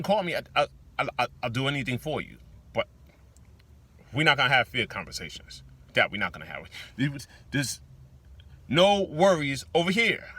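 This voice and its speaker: A man in muses in a loose, spiritual monologue, dragging out and repeating words. His voice is fairly high and bright and rises and falls widely as he talks. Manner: animated, swings into loud high mock-shouts. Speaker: vlogger.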